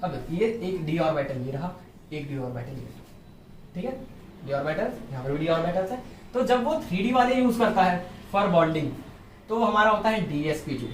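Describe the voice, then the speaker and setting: A man, walking through each point and often pausing to check that his class is following. The sound is roomy and a little distant, as if picked up across a classroom. A faint background hum sits under his voice. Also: high-pitched. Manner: explains step by step, keeps checking with "theek hai". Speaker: chemistry teacher. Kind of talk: classroom lecture. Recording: echoey room, mic at a distance.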